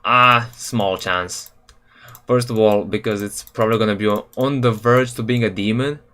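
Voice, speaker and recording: This young Serbian speaks at a moderate pace and fairly low pitch, chatting relaxedly on stream while making a game level. He rambles in slang with many fillers and corrects himself often, and keyboard and mouse clicks are audible.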